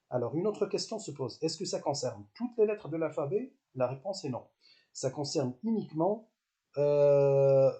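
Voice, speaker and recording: A man gives a calm, step-by-step lesson in a slightly high, mellow voice. He repeats short syllables patiently for his listeners, often pausing and restarting with fillers. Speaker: Arabic language teacher.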